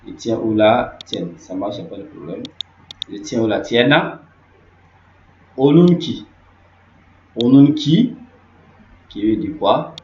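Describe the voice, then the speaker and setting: A man's voice: lowish voice, a little mellow. A man teaching a grammar lesson, patiently repeating each key word and explaining it step by step. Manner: repetitive, explanatory, slowly repeats key words. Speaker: language teacher. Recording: roomy, dull lo-fi audio with faint hiss.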